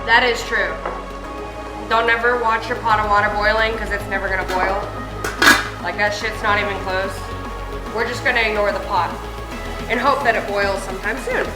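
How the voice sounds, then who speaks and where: A woman's voice: medium pitch, fairly even intonation, normal speed, long pauses. A woman hosting a home cooking video in a casual, chatty way, informal and rambling, recorded indoors in a kitchen. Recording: echoey room with background music.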